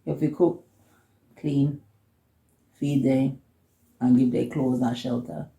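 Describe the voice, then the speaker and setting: A woman in her forties with a Belizean Kriol accent, chatting casually and haltingly, often repeating herself. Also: extremely low pitch, fairly even intonation, gravelly, dark tone. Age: 40s. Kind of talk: casual sisterly chat. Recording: echoey room.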